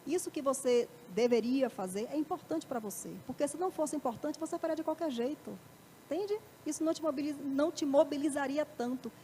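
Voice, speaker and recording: A woman's voice: high-pitched, a little fast, mellow, slight background noise. A woman with a Brazilian Portuguese accent gives a live motivational talk in a parish auditorium, often asking the audience rhetorical questions. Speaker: lecturer.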